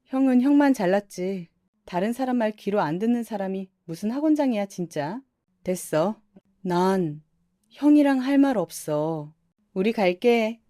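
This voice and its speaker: An irritated younger brother, as a woman reads him who snaps back at his older brother. His tone is sharp and indignant. The voice is mellow and the recording is dry and close. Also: mid-range voice, lively intonation, measured pace, no echo, natural voice. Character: resentful younger brother-in-law, defensive man.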